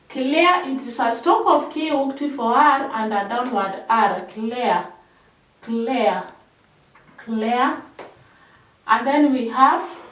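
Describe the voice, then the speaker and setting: A woman's voice: sits high, fairly bright tone. A woman from Kenya teaching a shorthand class, repeating each word again and again as she drills it. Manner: slow, repeating words in drills. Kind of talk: classroom lesson. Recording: echoey room, mic at a distance.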